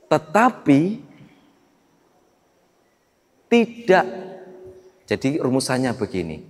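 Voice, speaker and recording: A priest giving a sermon, telling stories with acted dialogue and swinging between loud and soft. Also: male voice, on the high side. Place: church. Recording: echoey church hall.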